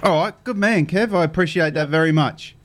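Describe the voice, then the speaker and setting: A man's voice: a little high, fairly quick, fairly bright tone, slight background noise. A man with a Queensland Australian accent hosting a radio show, chatting casually and chummily with callers. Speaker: radio fishing show host. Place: radio studio.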